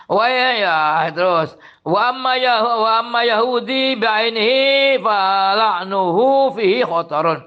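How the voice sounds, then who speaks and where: A man with a Cirebon Javanese-tinged accent, reading a classical religious text aloud and explaining it to students in an animated way, exclaiming and chuckling often. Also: extremely high pitch, takes it slowly, clear, resonant tone, lo-fi sound. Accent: Cirebon Javanese-tinged Indonesian. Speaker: Islamic boarding school teacher.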